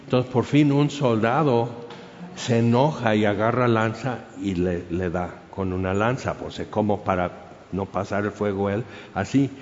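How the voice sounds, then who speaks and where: A man preaching, telling a martyr's story in an animated way, with many fillers and acted-out crowd shouts. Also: lowish voice, measured pace, slight background noise. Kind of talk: sermon storytelling. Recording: dull sound in a reverberant hall.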